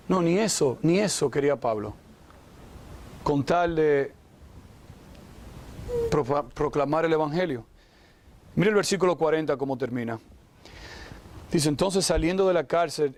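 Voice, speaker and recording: A man's voice: fairly high pitch, measured pace, long pauses, darkish tone. A man preaching a sermon, who exclaims often, asks his listeners direct questions and acts out the voices of figures in the story. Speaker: pastor.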